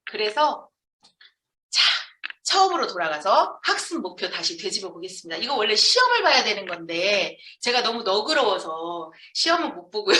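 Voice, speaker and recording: A woman with a sharp tone and a voice on the high side delivers a motivational business training lecture to an audience. She is from Jeonju, South Korea, and emphatically raises questions only to answer them herself; the microphone is distant and the room echoes.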